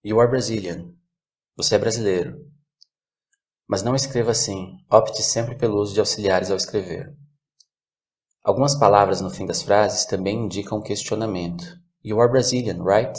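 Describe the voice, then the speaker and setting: A man teaching a recorded language lesson, with slow, clear, measured delivery. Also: lowish voice. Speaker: English teacher.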